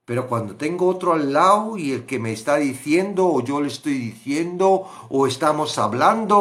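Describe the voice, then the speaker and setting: A man leads a live Bible study. He talks fervently, his lively pitch swinging up and down, sitting a little high. He drops to near hush, then swells loud. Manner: fervent, acts out quotes, swings loud to hushed.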